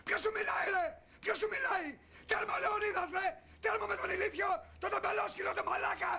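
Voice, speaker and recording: An actor playing a middle-aged father, furious and domineering, shouting orders at his daughter in a film drama. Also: very high-pitched, creaky, heavily acted. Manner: shouting, authoritarian.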